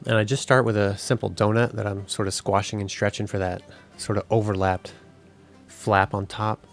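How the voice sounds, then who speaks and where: A man in his thirties walks through his 3D game art process in an easygoing voice-over. His voice sits low and has a gravelly edge. Faint music plays under the narration. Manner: relaxed, explanatory. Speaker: 3D game artist.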